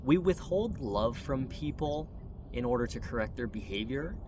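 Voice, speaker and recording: A man's voice: mid-range voice, lively intonation, moderate pace. An American man from Wyoming talks as a channel host in an unscripted, introspective monologue, hesitant and rambling. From Wyoming, United States. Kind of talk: unscripted reflective monologue to camera. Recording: distant mic, noisy background.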